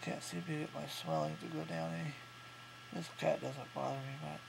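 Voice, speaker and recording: Gravelly, congested man in his thirties. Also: a little high, steady tone, normal speed. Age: 30s. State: congested, can't breathe through nose; swollen, sore mouth after surgery. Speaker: vlogger recovering from jaw surgery. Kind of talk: casual video diary. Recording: clearly noisy home recording with hum.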